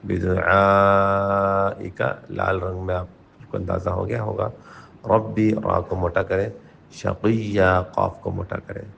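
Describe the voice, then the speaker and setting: Male Quran teacher, brisk explanations between slow chanted verses, low gravelly voice. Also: monotone, a bit bright, highs cut off, a little hiss or hum. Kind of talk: tajweed lesson with chanted recitation.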